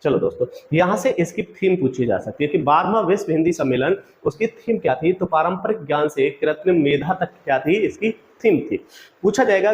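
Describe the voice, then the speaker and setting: A man's voice: on the high side, dull audio. Man quizzing students on Hindi literature. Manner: asks a question then repeats the answer; calls the audience friends. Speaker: exam-prep teacher. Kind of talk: quiz-style lecture.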